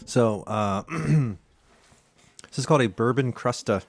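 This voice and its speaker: A man's voice: mid-range voice, lively intonation, slow pace, creaky, no room sound. A man hosting a casual chat, explaining a drink recipe with plenty of fillers and restarts. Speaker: home bartender host.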